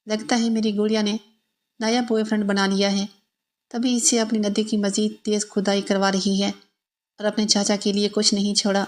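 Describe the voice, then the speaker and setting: A woman voicing a pushy, leering middle-aged uncle in a flat, even reading. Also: mid-range voice, natural voice. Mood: mocking.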